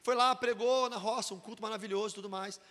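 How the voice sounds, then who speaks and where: A Brazilian man, a pastor, giving an animated sermon-style teaching and acting out the voices in his stories. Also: sits high, fast talker, long reverb tail. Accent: Brazilian Portuguese. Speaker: pastor teaching a deliverance seminar.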